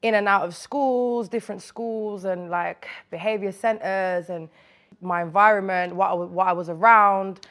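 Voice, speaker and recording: A woman's voice: medium pitch, steady tone, normal speed, a bit bright. A woman from Birmingham with a local accent, talking casually and in slang as an interview guest. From Birmingham, England. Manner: slangy, informal. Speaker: music artist being interviewed. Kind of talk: casual chat and personal storytelling.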